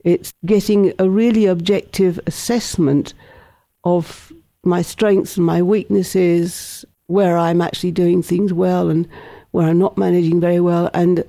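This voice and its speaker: A woman from England, giving a thoughtful, candid personal testimony in an interview and laughing softly at times. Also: fairly low pitch, little pitch movement, measured pace, creaky. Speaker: interviewee, program member.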